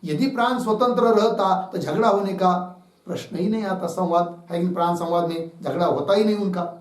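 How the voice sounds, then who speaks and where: High-voiced man teaching scripture. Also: fairly quick, far from the mic. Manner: explanatory, many rhetorical questions. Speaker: Vedanta teacher. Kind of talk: scriptural commentary lecture. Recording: echoey room, mic from afar.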